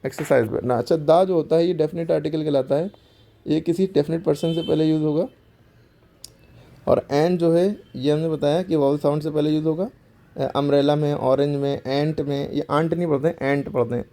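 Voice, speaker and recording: A man's voice: on the high side, steady tone, fairly quick, creaky, dark tone. A man teaching a grammar lesson to schoolchildren, explaining step by step and answering his own questions.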